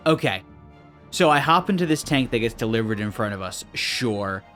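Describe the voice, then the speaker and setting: A man's voice: medium pitch, expressive, moderate pace, fairly bright tone. A man narrating a game video in a scripted, dry and sarcastic way. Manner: dry, sarcastic, mock-suspicious. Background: faint background music.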